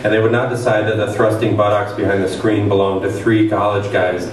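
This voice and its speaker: At a literary event, a thirty-something man reads satirical fiction dramatically from the stage of a small room with an audience present. His voice sits on the low side, his tone stays level, and he speaks a little fast. A table mic on a stand picks him up from a distance in a very echoey, noisy hall.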